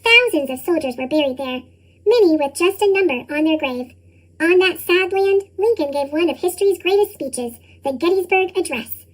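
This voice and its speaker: Squeaky chipmunk cartoon voice reading a storybook. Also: animated, moderate pace, low-quality recording. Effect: pitched-up chipmunk effect. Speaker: storybook narrator. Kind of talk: scripted children's storybook narration.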